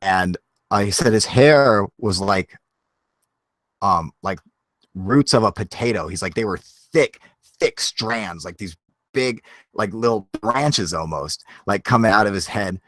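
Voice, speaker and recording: A man's voice: lowish voice, animated, unhurried, fairly bright tone, no echo. A man telling a story in a casual, rambling way, full of fillers and frequent laughs.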